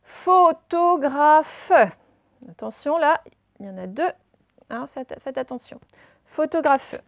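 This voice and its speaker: A woman's voice: high-pitched, animated, gravelly, dry recording, studio quality. Woman teacher spelling out a dictation. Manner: slow, spelling out words letter by letter. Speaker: primary school teacher. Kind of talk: dictation lesson.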